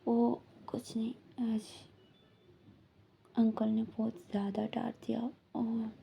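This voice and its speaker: A woman's voice: a little high, monotone, takes it slowly, vocal fry, slight background noise, exaggerated voice. Brief: woman narrator voicing a stern young man, clipped and firm, on a dull lo-fi recording. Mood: subdued. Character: stern, short-tempered young man, gentle underneath.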